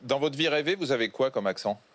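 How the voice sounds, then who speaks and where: A man hosting an interview, asking set questions in a measured, polite way. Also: medium pitch, expressive, a bit bright. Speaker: interviewer host.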